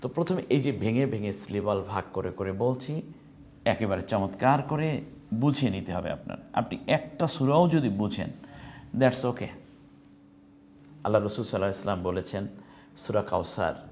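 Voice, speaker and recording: A man's voice: on the low side, darkish tone, slight background noise. A male Quran teacher giving an online lesson, drilling Arabic letters one by one and asking then answering his own questions.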